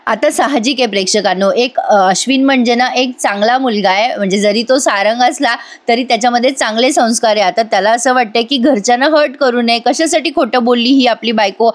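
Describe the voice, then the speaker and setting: A woman's voice: fairly high pitch, a little fast, few pauses. A woman giving a chatty voice-over recap of a TV serial, speaking to her viewers directly with little asides. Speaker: TV serial reviewer.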